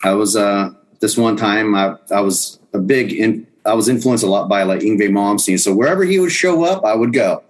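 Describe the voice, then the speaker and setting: A man's voice: lowish voice, normal speed, few pauses, poor audio. A man in his fifties, a guest musician, telling stories casually in a podcast interview, rambling with restarts and chuckles.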